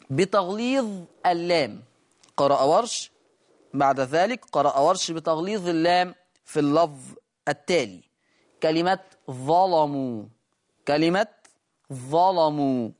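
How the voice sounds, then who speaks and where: A man with an Egyptian accent teaching a Quran recitation lesson, drawing out each example word slowly as he demonstrates it. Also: fairly high pitch, lively intonation. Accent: Egyptian Arabic. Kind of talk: recorded tajweed lesson.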